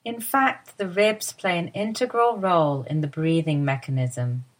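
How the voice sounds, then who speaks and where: Slow, low-voiced woman guiding relaxation. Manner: soft, slow, soothing guidance. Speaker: movement teacher guiding a lie-down. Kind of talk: guided body-awareness instruction.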